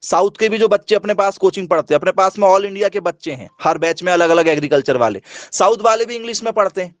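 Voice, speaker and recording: A middle-aged man with a fairly high voice teaches an exam coaching class. He quizzes his students and then supplies the answers himself, repeating key facts so they stick. The sound is close-miked and dry. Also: quick pace, dry recording. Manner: asks questions and answers them himself, repeats key points. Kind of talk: online exam coaching lesson.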